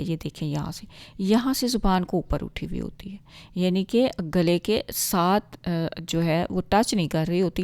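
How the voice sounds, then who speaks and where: A woman's voice: lowish voice, a little mellow, no echo, clean studio sound. A woman teaching Quran recitation, explaining step by step in a patient way and repeatedly modeling the sounds. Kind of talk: explanatory lesson with demonstrations.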